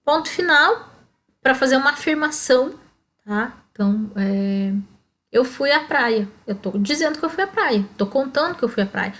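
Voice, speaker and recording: With a high-pitched, fairly bright voice and lively intonation, a Brazilian woman with a Brazilian Portuguese accent teaches a primary school lesson. She still moves slowly, explaining step by step with frequent "ó" and "tá?" check-ins.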